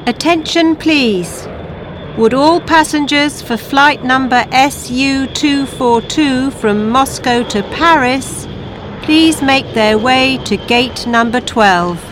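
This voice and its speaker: A woman playing an airport announcer, making formal, measured flight announcements for a language exercise. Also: high-pitched, background noise. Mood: formal, neutral. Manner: formal, measured, clearly enunciated public announcing. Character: female airport announcer giving flight notices.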